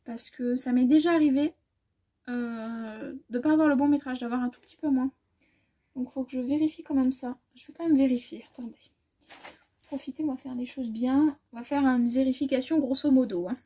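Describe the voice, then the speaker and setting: A woman sewing vlogger chatting casually through a fabric haul, rambling and correcting herself as she measures, often trailing off softly. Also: high voice, steady tone, brisk, slightly rough. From France.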